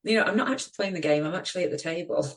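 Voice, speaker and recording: Middle-aged female podcast co-host, low voice, reflective and sincere. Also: rapid-fire. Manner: reflective, earnest, many you-knows. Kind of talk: casual chat.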